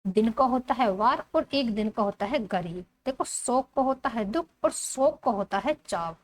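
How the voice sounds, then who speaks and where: A woman teaching a grammar lesson. She reads the textbook aloud slowly and keeps asking the class rhetorical questions as she explains. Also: on the high side, lively intonation. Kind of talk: Hindi grammar lesson walking through a textbook.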